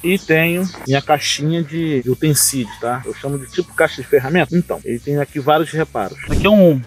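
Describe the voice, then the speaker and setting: A middle-aged Brazilian man sits at a table in a yard, casually showing off his everyday carry kit and explaining each item. He often checks in with viewers by adding "tá, gente?", speaking quickly in a fairly high voice over soft background music.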